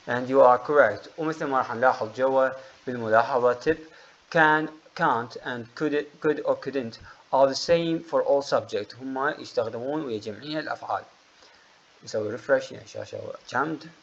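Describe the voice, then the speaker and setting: Man, English teacher, online class, patient explanations, mid-pitched voice, slightly dull lo-fi audio. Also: racing. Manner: explains grammar rules patiently, calls on students by name.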